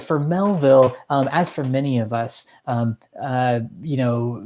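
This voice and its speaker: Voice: mid-range voice, a little mellow. Rambling, reflective professor of uncertain gender. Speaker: teacher lecturing on a novel. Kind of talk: informal literature lecture.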